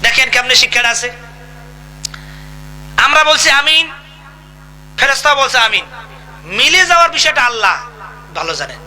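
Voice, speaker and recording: A man delivers a sermon in a very high, piercing voice. He presses his points hard and keeps asking the listeners questions. A faint hum sits under the recording. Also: expressive, moderate pace, pauses often, pushed and bright, rough recording. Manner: emphatic, asks the audience questions. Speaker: Islamic preacher.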